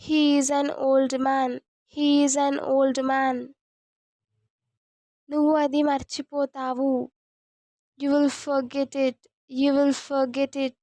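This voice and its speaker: A woman, teaching English as a language lesson, saying each sentence twice in a slow, deliberate way. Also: sits high, flat delivery, warm tone, no room sound.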